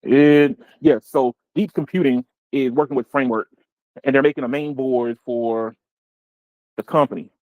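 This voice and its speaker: A man's voice: medium pitch, fairly even intonation, moderate pace, no room sound. Guy hosting a tech podcast, rambles and restarts a lot, dry slightly dull sound. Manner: rambling, restarts, laughs often. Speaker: podcast host. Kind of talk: casual tech podcast chat.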